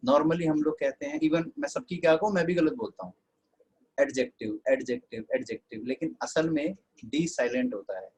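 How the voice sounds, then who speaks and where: A man's voice: a little high, fairly quick, a little mellow, slightly rough, low-quality recording. A man with an Indian accent teaching an online English class, chatty and scolding students fondly.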